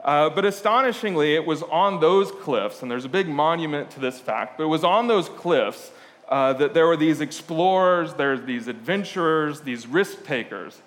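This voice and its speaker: A man's voice: fairly high pitch, expressive, moderate pace, fairly bright tone. Chatty preacher man in a reverberant hall. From Portugal. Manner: conversational storytelling with frequent "uh" fillers and asides. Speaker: pastor. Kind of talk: sermon.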